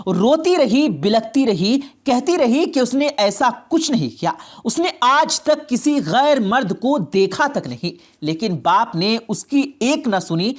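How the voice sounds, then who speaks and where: A woman narrating a dramatic story in an expressive storytelling manner. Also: a little high, few pauses.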